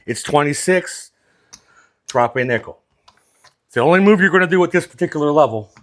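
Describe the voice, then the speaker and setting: A man's voice: fairly high pitch, expressive, fairly quick, a bit bright. A plain-spoken man working as a craps dealing instructor, explaining things step by step in a casual, hands-on teaching style.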